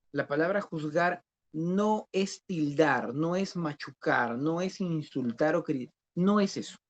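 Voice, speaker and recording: A man teaching a discipleship Bible class who questions his students and repeats key phrases. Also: a little high. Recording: dull lo-fi recording.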